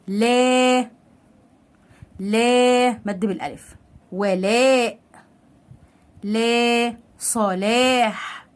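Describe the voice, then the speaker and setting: Patient Egyptian woman teacher sounding out syllables. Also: medium pitch. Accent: Egyptian Arabic. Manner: asks questions and answers them herself. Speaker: literacy teacher. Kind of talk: step-by-step reading lesson.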